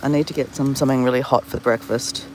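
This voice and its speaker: Fast and fairly even in intonation, this mid-range, nasal voice belongs to a flu-stricken travel vlogger with a sore throat. He rambles chattily on a beach live stream, phone at arm's length, greeting viewers by name; the audio is poor, with a little hiss or hum.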